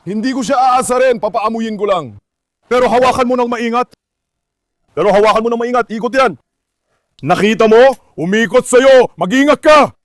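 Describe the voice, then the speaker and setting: High-voiced man coaxing his dogs. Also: normal speed, no room sound, studio quality. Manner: coaxing, keeps repeating calls and commands to the dogs; gives instructions to a helper while handling dogs. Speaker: dog owner and channel host. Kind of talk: casual vlog chatter to camera and helpers.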